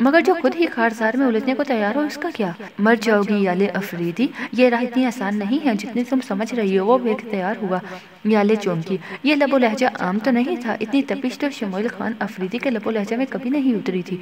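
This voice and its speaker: A woman's voice: a little high, animated, a crowd in the background. Woman narrating an audio novel. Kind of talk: dramatic novel reading.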